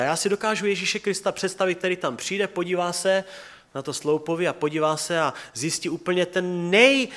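A man in his thirties giving a sermon, earnest and conversational, often dropping to a soft, quiet voice. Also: a little high. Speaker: preacher.

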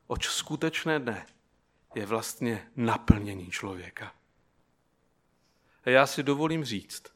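A man's voice: mid-range voice, fairly bright tone. A man preaching a sermon who keeps asking the listeners rhetorical questions and tells them an illustrative story.

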